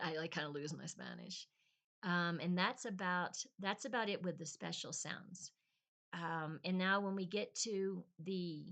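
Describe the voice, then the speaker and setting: Woman giving a chatty spanish sounds lesson, lowish voice, thinks out loud, repeats sounds slowly, poor home recording. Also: vocal fry. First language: English. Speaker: language teacher. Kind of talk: casual spoken lesson.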